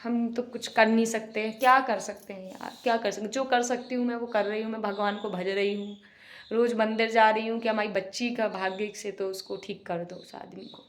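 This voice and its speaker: A young woman venting emotionally in a casual home vlog, often speaking quietly while cooking in her kitchen. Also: medium pitch, steady tone, normal speed. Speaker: vlogger, single mother.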